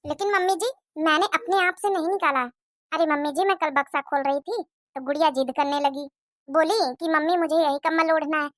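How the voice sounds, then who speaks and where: A woman's voice: high-pitched, fairly quick, dry recording, studio quality, lightly acted. A woman voicing a polite, dutiful young daughter-in-law who answers meekly and respectfully. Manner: meek, respectful.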